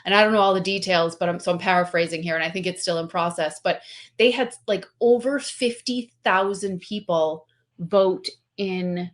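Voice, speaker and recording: A woman speaking as a guest in a casual interview, animated and talkative, full of fillers and restarted sentences. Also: lowish voice, moderate pace. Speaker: guest, company representative.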